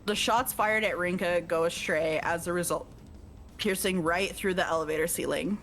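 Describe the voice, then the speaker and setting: Over music, a woman with a lowish voice reads at normal speed. As a streamer playing a visual novel, she delivers the text evenly but often stops to laugh and joke with a co-player.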